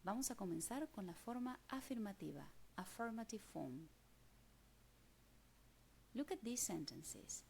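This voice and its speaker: Woman teacher, Rioplatense Spanish accent, mid pitch; patient step-by-step lesson delivery. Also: animated, slow pace, vocal fry, pauses often, darkish tone, a little hiss or hum. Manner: patient, checks understanding with frequent "mm?". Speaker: English teacher. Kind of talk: grammar lesson explained step by step.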